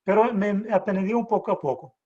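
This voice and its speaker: Over a video call with dull audio, a middle-aged man raised in San Antonio, from the Texas border, gives an informal Bible lesson. His voice sits high with a warm tone, and he halts, restarts and poses rhetorical questions.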